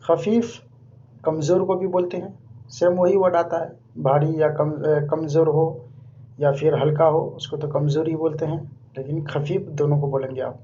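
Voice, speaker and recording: A man giving an informal vocabulary lesson, repeating each word slowly several times. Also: on the high side, little pitch movement, dark tone. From India. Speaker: language teacher. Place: living abroad in Saudi Arabia. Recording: dull lo-fi recording with faint hum.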